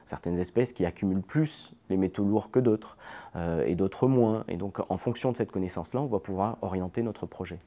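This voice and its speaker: A middle-aged man explaining things, an ecologist presenting a lesson and often pausing on fillers. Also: deep voice, dark tone. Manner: hesitant, many fillers. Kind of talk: educational explanation.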